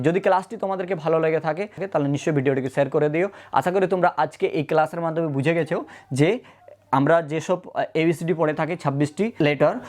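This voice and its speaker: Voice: medium pitch, a little mellow. A teacher giving an online grammar lesson, asking questions and answering them, and often checking that the class follows. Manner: spells words out letter by letter, slowly.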